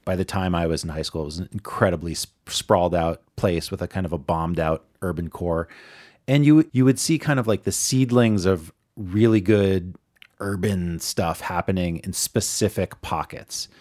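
A man's voice: sits low, moderate pace, darkish tone. A man from Northeast Ohio hosting a talk podcast, discussing things in a casual, informal, conversational way. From Northeast Ohio, United States. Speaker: podcast host.

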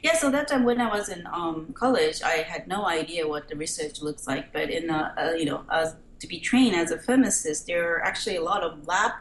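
A middle-aged woman from Japan with a Japanese accent, answering interview questions as a guest scientist in halting English with frequent "you know". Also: fairly low pitch. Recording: echoey room with faint noise.

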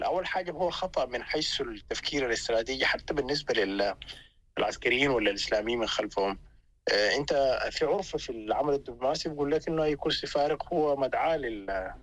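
A male interview guest with a Sudanese accent offers unscripted political analysis. His voice is bright and forceful, and he speaks fast in bursts, often stalling to repeat a word while he finds his phrasing. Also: mid-range voice, low-quality recording. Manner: halting, repeats words while searching for phrasing.

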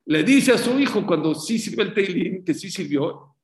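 Animated man preaching in a roomy space. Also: high-pitched, normal speed. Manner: animated, acts out story voices. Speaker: religious teacher. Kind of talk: sermon with storytelling. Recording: roomy echo.

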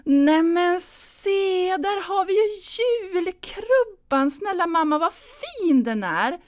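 A woman doing a shrill, falsely cheerful daughter. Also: lively intonation. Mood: forced cheer. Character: grown daughter forcing cheerfulness.

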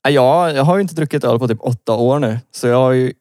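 A man's voice: medium pitch, a little mellow, no echo, studio quality. Laid-back Swedish podcast co-host, man. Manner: laid-back, short reactions and laughs. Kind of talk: casual chat.

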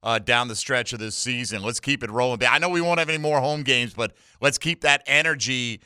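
A man's voice: medium pitch, fairly quick, sharp tone, clean tone, no room sound, studio quality. An American man hosting a sports call-in radio show, exuberant and emphatic in an informal way. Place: radio studio. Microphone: close studio microphone.

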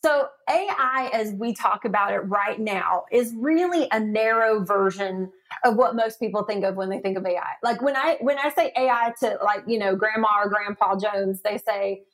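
A woman's voice: mid-range voice, moderate pace, rough recording. A woman talks through AI on a podcast in an easy, chatty way. She laughs often and pads her sentences with "you know" and "um". Her voice sits in a middling register. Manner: animated, laughs often, many fillers. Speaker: guest expert on AI. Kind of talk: conversational podcast interview.

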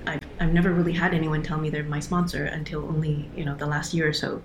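A woman with a slightly low voice is explaining things earnestly on a remote podcast call, restarting her sentences often. A faint hum of room noise sits behind her. She sounds middle-aged and talks in a measured, explanatory way. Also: little pitch movement. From Hong Kong. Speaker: guest, operations director. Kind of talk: podcast interview.

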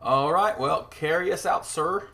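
A man with a slightly higher voice co-hosts a podcast, talking eagerly about his favorites. He keeps ribbing his partner in a joking way. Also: a little slow, creaky, a bit bright. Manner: teasing, enthusiastic, playfully ribs his co-host. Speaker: podcast co-host. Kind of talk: casual chat.

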